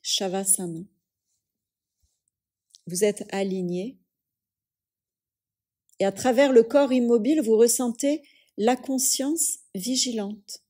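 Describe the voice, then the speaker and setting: A female teacher guides a yoga nidra relaxation, her calm, soothing voice sitting on the high side. She speaks in measured phrases separated by long pauses.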